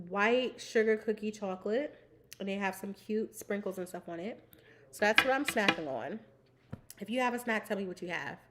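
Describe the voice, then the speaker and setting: A bubbly young woman hosting a live stream, chatting casually with her viewers, giggling often, saying "like" a lot, and talking while she snacks. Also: medium pitch. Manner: bubbly and giggly, fills speech with "like". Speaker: livestream host.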